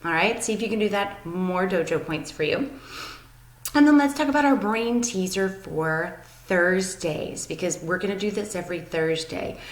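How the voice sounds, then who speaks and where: A woman's voice: mid-range voice, animated, moderate pace. A woman teacher giving an upbeat, chatty daily video lesson to young students, with many ums. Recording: echoey room.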